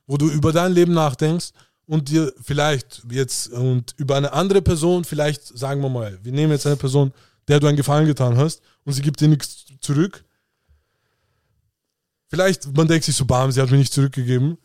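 A young man talks casually and reflectively on a podcast, with a laid-back, slangy manner. His voice sits a little high for a man. The recording is dry and close. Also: moderate pace, darkish tone, no room sound. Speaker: podcast co-host. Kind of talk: casual chat.

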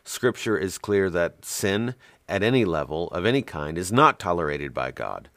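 A man's voice: low-pitched, sing-song, normal speed, fairly bright tone, dry recording. A man hosting a Bible teaching show, speaking bluntly and with emphasis, reading scripture aloud with frequent fillers and restarts.

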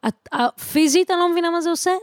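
A woman's voice: extremely high pitch, dry recording. Female podcast guest, eager and questioning, dry close recording. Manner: reacts eagerly, asks pressing questions. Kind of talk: casual chat.

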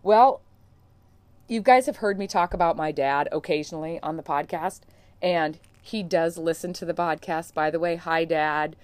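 A woman's voice: sits low, normal speed, no room sound. A woman hosting her own podcast as a coach, talking straight to listeners in an earnest, encouraging, conversational way. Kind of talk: solo podcast monologue.

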